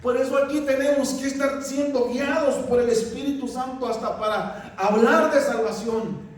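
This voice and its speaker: Male pastor, very high voice, emphatic sermon, recorded from a distance in a reverberant church. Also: normal speed. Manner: emphatic, addresses the congregation as "iglesia". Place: church hall. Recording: echoey hall, distant mic, faint noise.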